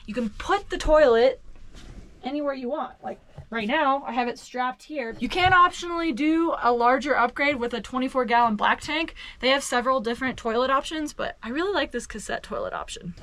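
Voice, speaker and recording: A woman's voice: high voice, a bit bright. A woman vlogger giving a casual walkthrough tour, speaking to camera from inside a small camper van.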